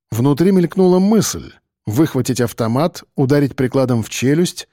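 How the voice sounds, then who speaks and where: Male audiobook narrator, first-person, steady tense telling, slightly higher voice, dry close sound. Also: dry recording.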